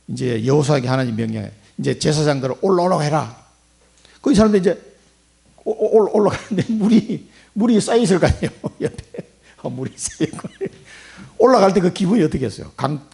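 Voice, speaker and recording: A man's voice: on the high side, creaky, dark tone. A middle-aged man preaching a sermon in church as pastor, asking the congregation rhetorical questions. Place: church sanctuary.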